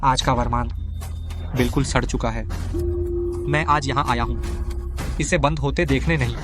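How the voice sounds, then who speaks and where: An actor playing a calm, scornful ex-husband who cuts others down in a dubbed short drama. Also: male voice, medium pitch, a little slow, music in the background, lightly acted. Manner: cold, cutting.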